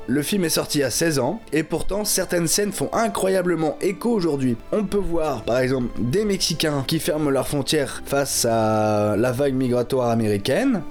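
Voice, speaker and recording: A man's voice: on the high side, a little mellow. A man in his twenties with a nasal voice, stuffed up from a head cold, delivering a prepared spoken film review. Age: 20s. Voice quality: nasal, congested voice.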